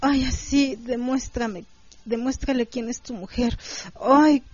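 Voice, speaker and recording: A breathless, pleading young woman in an adult audio story, as a woman reader puts her on. Her voice rides high and strained, and the recording is close, dry and somewhat muffled. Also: slow pace, no room sound.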